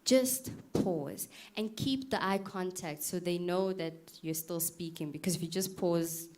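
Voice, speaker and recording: A woman on the low side, speaking at a measured pace, delivers a live talk on public speaking. Lively and direct, she asks the crowd questions and mimics awkward fillers and reactions for effect.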